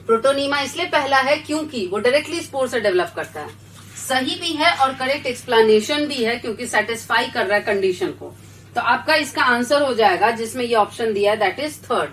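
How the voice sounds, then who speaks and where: A woman with a high voice walks through exam answers one by one, dropping English science terms into her explanation. She sounds set back from the mic, with faint noise underneath. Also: animated, normal speed, a bit bright, recorded from a distance, poor audio. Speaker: biology teacher.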